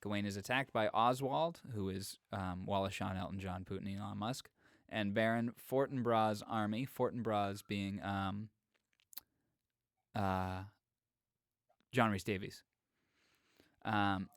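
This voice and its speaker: A man's voice: lowish voice, a little slow, clear, resonant tone, no room sound, clean studio sound. A man co-hosting a podcast, casually retelling a film's plot, chatty and laughing, with lots of filler words. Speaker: podcast co-host.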